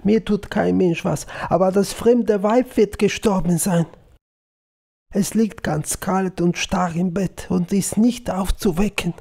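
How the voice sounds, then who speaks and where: A man's voice: sits high, normal speed, gravelly, hardly any pauses, warm tone, voice pushed up. Man voicing a tearful young girl. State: sobbing. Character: frightened tender young girl, a charcoal burner's daughter.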